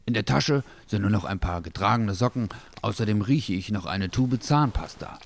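A man voicing a greedy, dreamy male Labrador mix in a storybook reading, with a drawn-out, longing way of talking. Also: on the low side, expressive, creaky, a little hiss or hum. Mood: matter-of-fact.

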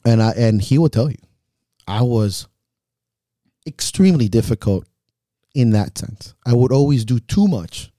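A man's voice: medium pitch, expressive, measured pace, pauses often, mellow, dry recording, studio quality. A man hosting a podcast as a coach, talking in a frank, reflective way and swearing freely. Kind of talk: casual podcast chat.

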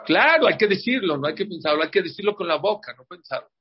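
Speaking fast in a high, expressive voice with a breathy edge, a man gives a pre-holiday religious class to a group. He stresses points emphatically, repeats words, and checks in with "ok?" often, all captured on a dull lo-fi recording.

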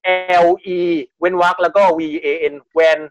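A man's voice: high voice, level tone, moderate pace, lo-fi sound. Chatty man telling a story. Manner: chatty, restarts often, acts out quotes. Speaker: podcast host telling a news story. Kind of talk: casual storytelling chat.

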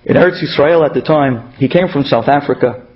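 A man's voice: mid-range voice, brisk. A man with a Brooklyn accent giving a religious sermon with stories, speaking emphatically and repeating key phrases. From Brooklyn, New York. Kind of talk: sermon with storytelling. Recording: dull, muffled lo-fi audio.

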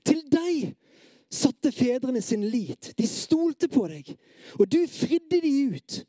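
Preacher, sermon, mellow dark tone, dry close sound, dramatic scripture reading. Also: sits high, sing-song, husky, dry recording. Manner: reads scripture dramatically, at times loud and pleading; talks directly to the listeners, halting with fillers. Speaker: preacher at a worship gathering.

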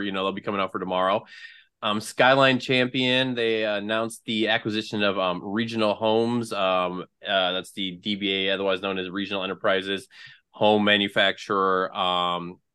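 Man, podcast guest, bright tone, slightly low voice, rambling, lots of fillers. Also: smooth. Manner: chatty and rambling, many fillers and restarts. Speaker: trade news guest. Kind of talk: casual podcast chat.

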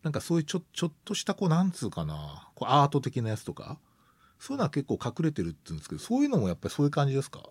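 Husky, lively-voiced host chatting. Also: male voice, medium pitch, rapid-fire, no room sound. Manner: lively, laughs often, many fillers. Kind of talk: casual conversational interview. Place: Tokyo.

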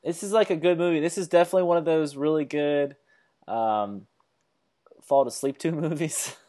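A man's voice: on the high side, moderate pace, dark tone. Joking man co-hosting a movie podcast. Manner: joking, teasing, rambling with restarts. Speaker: podcast co-host. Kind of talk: casual movie-review podcast chat.

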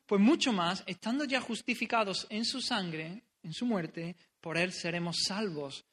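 A man's voice: high-pitched, measured pace, fairly bright tone, breathy edge. A man preaching an earnest, pleading sermon, repeating phrases for emphasis.

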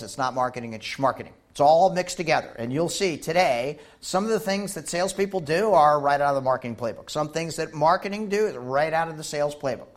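A man giving a lively conference talk, animated and jokey, who keeps checking in with the audience. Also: a little high. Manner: jokey, banters with the crowd. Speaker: conference speaker.

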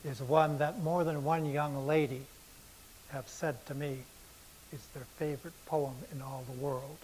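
A man reciting poetry to a live audience as a storyteller, theatrical, rising to loud repeated chants and sinking to hushed lines. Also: on the high side, fairly even intonation, unhurried, slight background noise, rough recording. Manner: theatrical, swells to loud chants then drops to hushed tones. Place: arts center studio before a live audience.

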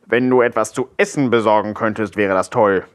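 A man voicing the cheeky talking stomach of a hungry boy in a storybook reading, talking quick and blunt. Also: on the low side, fairly even intonation, lightly acted. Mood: polite.

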